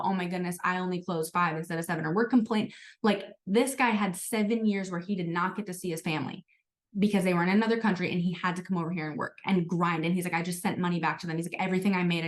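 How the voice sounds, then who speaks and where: A woman leading a sales team training, telling stories in a chatty, motivational way with lots of filler words. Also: fairly low pitch. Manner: chatty, storytelling, frequent "like" and "guys". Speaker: sales team leader hosting a training call.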